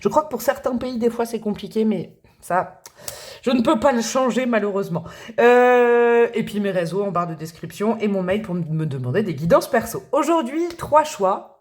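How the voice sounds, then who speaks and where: A woman's voice: a little high, expressive, normal speed, a little mellow. A woman hosting a tarot reading to camera, chatting in a rambling way and laughing at herself. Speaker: tarot reader and channel host.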